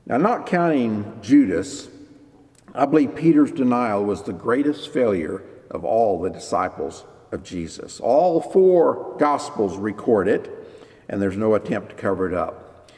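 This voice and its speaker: Animated preacher man in a reverberant hall. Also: mid-range voice. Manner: lively preaching, acting out quoted voices. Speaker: pastor. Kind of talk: sermon.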